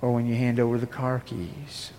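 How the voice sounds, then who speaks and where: A male pastor delivers a sermon, his voice slipping between near-whispered tenderness and strong, emphatic preaching. His tone carries a gravelly texture. The sound rings with long reverb from a large hall, with a faint noise floor underneath. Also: medium pitch, completely flat delivery, normal speed. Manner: shifts from hushed, tender speech to rising, forceful preaching.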